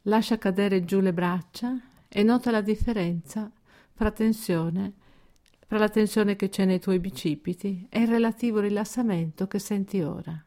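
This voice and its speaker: A woman's mid-range voice guides a progressive muscle relaxation exercise from a script. She delivers each instruction calmly and evenly, with intentional pauses.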